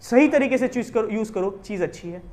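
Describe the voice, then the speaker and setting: A man teaching a commerce class, explaining with lively questions to his students. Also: high voice, fast. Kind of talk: classroom lecture in Hindi with English terms.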